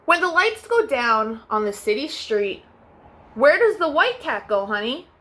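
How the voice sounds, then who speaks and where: Very animated and high-pitched, a young woman reads picture books to children during storytime, her gentle sing-song delivery marked by soft, elongated refrains.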